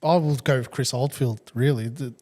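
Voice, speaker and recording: A man with an Australian accent, co-hosting a football podcast in casual, measured chat. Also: mid-range voice, fairly even intonation, darkish tone. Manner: measured, laughs easily, hedging asides. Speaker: podcast co-host, football pundit.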